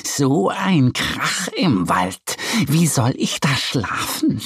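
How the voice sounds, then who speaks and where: A man voicing a grumpy old female wildcat who scolds slowly in a children's story. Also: mid-range voice, sing-song, a bit bright, husky, no room sound, studio quality, full character voice. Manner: slow, grumbling scolding.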